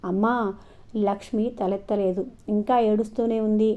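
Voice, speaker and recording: A woman with a medium-pitched voice narrates an audio novel from a script, telling the story in a measured, even way. The recording sounds dull and lo-fi.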